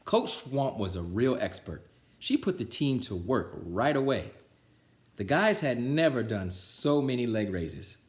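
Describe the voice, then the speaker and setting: A man reads a children's storybook aloud in a sing-song, mid-range voice, going a little slow, and chats casually with viewers before an easygoing sign-off. The animated read-aloud was recorded indoors at home, with roomy echo.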